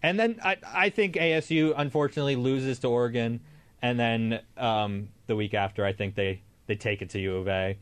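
A man's voice: mid-range voice, moderate pace, smooth. A man with an American accent hosting a casual sports talk show. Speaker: sports podcast host.

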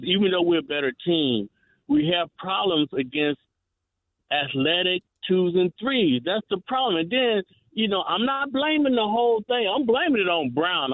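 A man's voice: fairly high pitch, no echo. A man calling in to a sports radio show over the phone, talking loosely with slang and stammered restarts. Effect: heard over a phone line. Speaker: radio call-in caller. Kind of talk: casual sports call-in chat. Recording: tinny dry phone line.

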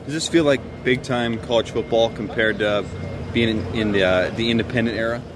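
A man's voice: mid-range voice, steady tone, a little fast. Casual male reporter over outdoor noise. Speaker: sports podcast host. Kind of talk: media day interview questions.

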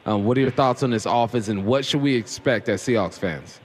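A man hosting a live sports radio show in front of a crowd, excitable and joking as he leads the talk. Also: medium pitch, brisk, slight background noise.

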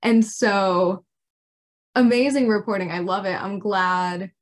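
A young American woman from Arkansas talking casually and chattily in an interview, often saying "like". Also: mid-range voice. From Arkansas, United States. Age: young adult. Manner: chatty, informal, frequent "like". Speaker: intern reporter being interviewed.

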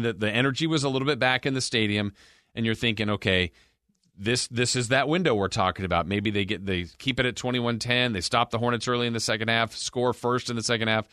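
A man's voice: medium pitch, a bit bright, no echo, studio quality. An American man hosting a sports podcast, giving a conversational, emphatic recap and analysis of football games. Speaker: sports podcast host and game broadcaster.

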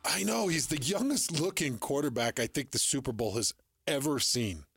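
A man's voice: mid-range voice, moderate pace, creaky, faint music behind. A man hosting a sports radio show, chatting casually and pushing back with disbelief. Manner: animated, incredulous pushback.

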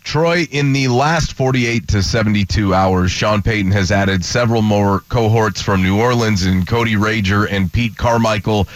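A man's voice: lowish voice, normal speed, hardly any pauses, no echo. A man co-hosting a sports radio show, laid-back and snarky, chuckling through his lines. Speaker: radio co-host.

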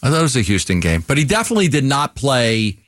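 A man co-hosting sports talk radio, laying out his points in an analytical, measured way. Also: mid-range voice, big pitch swings, a bit bright, no echo, clean studio sound.

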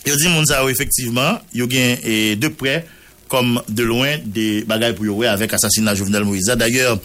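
A man's voice: medium pitch, fairly bright tone. Radio journalist, man, Haitian accent, reads court documents and names, French with Creole mixed in. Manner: mixes Creole into French, reads long name lists. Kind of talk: news commentary, reading a court order.

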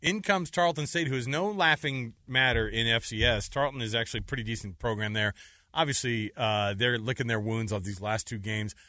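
A man's voice: medium pitch, brisk, bright, forceful tone, no room sound. A man co-hosting a sports podcast, talking casually about the week's games and laughing often.

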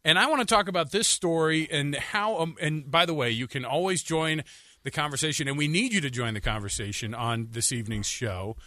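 A man's voice: fairly high pitch, fairly quick, sharp tone, no room sound, clean studio sound. A man co-hosting a radio talk show, joking and rambling with many restarts. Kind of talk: casual radio banter.

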